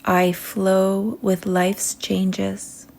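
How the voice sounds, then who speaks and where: In a mid-range, gravelly voice with little pitch movement, a woman leads a soothing guided meditation. She speaks in short phrases, leaving long pauses, and her words soften until they're almost whispered.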